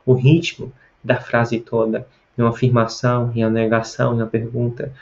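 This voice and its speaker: A man's voice: mid-range voice, completely flat delivery, fairly quick, a little mellow. A man from Pará with a northern Brazilian accent, hosting a casual language-learning lesson, rambling and repeating words for emphasis. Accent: northern Brazilian Portuguese. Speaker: language-learning video host. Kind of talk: casual educational talk to camera. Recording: slightly dull, lo-fi sound.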